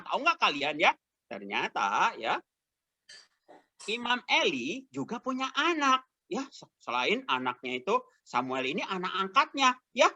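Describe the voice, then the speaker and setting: A man's voice: high-pitched, pushed and bright, no echo, muffled recording. A man, an evangelist telling a Bible story to kindergarten children, exclamatory and full of questions.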